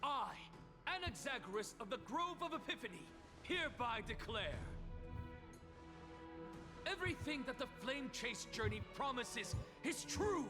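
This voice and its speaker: Haughty scholar for a game: pompous villain-like taunts, theatrical, unhurried, with music behind. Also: male voice, very high voice, sing-song, full character voice. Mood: triumphant declaration. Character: haughty theatrical male scholar lecturing an assembly. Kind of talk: video game dramatic acting. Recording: long hall reverb, loud music behind.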